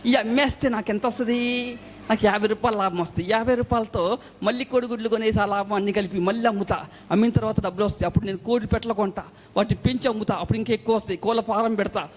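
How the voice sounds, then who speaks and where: A man preaching his testimony in a church, telling his story in an animated way and acting out the people he quotes. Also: high-pitched, rapid-fire, slight background noise. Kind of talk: testimony sermon.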